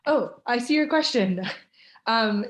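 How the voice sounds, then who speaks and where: A fairly high, animated woman speaks slowly as she hosts a live online Q&A over a video call, chatting informally and reading out listener questions. She's an American from Florida, United States, working as a host and tour ambassador.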